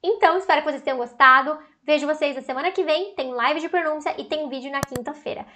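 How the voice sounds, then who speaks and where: A woman with a Brazilian Portuguese accent giving an online English pronunciation lesson. She talks in an animated way, puts many questions to the viewers and says English words aloud as models. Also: high voice, quick pace, a little hiss or hum. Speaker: English teacher.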